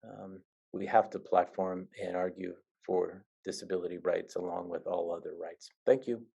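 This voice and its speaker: A low, gravelly male voice speaks earnestly at an online seminar. He pauses and restarts often, with a rough fry underneath his words. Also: flat delivery, mellow, lo-fi sound. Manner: earnest, halting with repeated restarts. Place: online video call.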